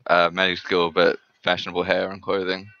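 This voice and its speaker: Flat, gravelly man commentating. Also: sits low, brisk, lo-fi sound. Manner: dry, sarcastic humor. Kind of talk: casual card game commentary.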